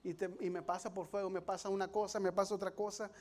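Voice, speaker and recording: A middle-aged pastor with a fairly high voice shares his testimony in a halting, confessional way. He restarts often, leans on fillers, and keeps calling the congregation his brothers. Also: flat delivery, a little mellow. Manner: confessional, addresses listeners as brothers. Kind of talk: personal testimony sermon.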